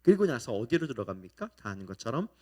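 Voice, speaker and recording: A man preaching a sermon as pastor, asking his listeners questions and acting out the quoted lines in animated voices. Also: mid-range voice, fast talker. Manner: asks the congregation questions.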